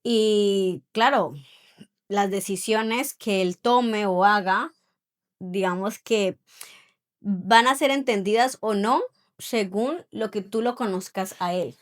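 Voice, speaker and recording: A woman's voice: medium pitch, slow. A middle-aged woman co-hosting a faith podcast, speaking in a reflective, conversational way. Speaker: podcast co-host. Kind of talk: casual faith podcast chat.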